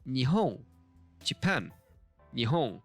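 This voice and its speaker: Slow, halting man thinking aloud. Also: medium pitch, very animated, fairly bright tone, no echo, soft background music. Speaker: language learner teaching a lesson. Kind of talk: casual screen-share lesson commentary.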